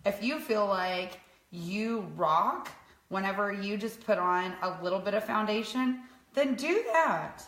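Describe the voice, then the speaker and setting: A woman's voice: medium pitch, unhurried, a bit bright. A woman in her thirties demonstrating makeup at home, talking in a rambling, casual way to the ladies watching. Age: 30s. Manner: rambling, talks to viewers as ladies. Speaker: makeup artist co-host. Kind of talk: casual makeup demo chat. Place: sunny home room. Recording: echoey room.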